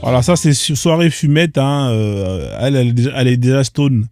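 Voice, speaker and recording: A man's voice: medium pitch, lively intonation, a little fast, darkish tone, soft background music. A man hosting casual reaction commentary on odd internet clips, incredulous and firing off rhetorical questions in street slang. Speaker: host reacting to social media clips.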